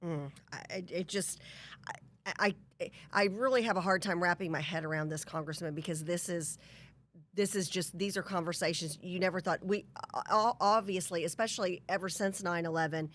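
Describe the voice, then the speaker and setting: A woman's voice: lowish voice, moderate pace, a bit bright. A woman hosting a talk radio interview, emphatic and stumbling over her words. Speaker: radio talk show host.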